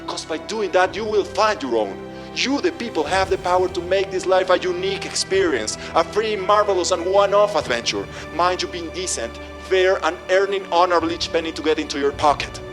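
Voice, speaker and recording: A man playing a fervent orator in an impassioned, ranting political speech, exhorting the masses loudly and forcefully. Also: high-pitched, close to an everyday voice. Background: music.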